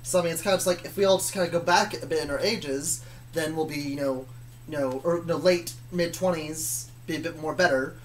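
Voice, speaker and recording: A storyteller with a medium-pitched, brisk voice talks about a fictional universe of their own making, with a slight hiss or hum in the recording. The delivery is casual, rambling and hesitant, and they often stop to correct themselves.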